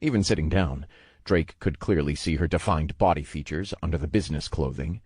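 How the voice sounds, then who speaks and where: A man narrating an audiobook in a measured, wry storytelling manner. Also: extremely low pitch, a little mellow, breathy edge, no echo, studio quality.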